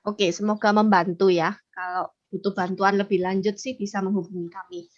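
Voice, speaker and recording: A woman with a mid-range voice hosts a question session. She talks hesitantly and fills her pauses. The recording sounds dull and lo-fi. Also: mid-range voice, little pitch movement. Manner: hesitant, with many fillers. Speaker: host. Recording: muffled lo-fi recording.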